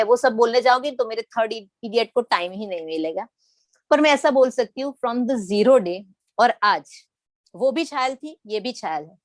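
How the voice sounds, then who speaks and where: A middle-aged woman from Gujarat sharing her personal story in a lively storytelling manner, acting out the quoted lines. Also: a little high, dry recording. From Gujarat, India. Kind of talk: personal testimony talk.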